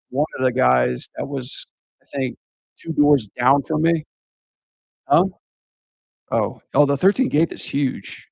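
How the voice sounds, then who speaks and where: Gravelly man, rambling casual talk. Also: medium pitch, a little mellow, dry recording, low-quality recording. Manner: rambling, profane, heavy use of filler words. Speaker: podcast guest recounting a haunted house job. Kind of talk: casual chat.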